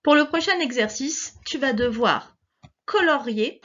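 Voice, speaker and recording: A woman teaching a young child reading sounds, speaking slowly and carefully and stretching out each key word. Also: sits high, animated, fairly bright tone, muffled recording. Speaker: primary school teacher. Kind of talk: recorded phonics lesson for a young child.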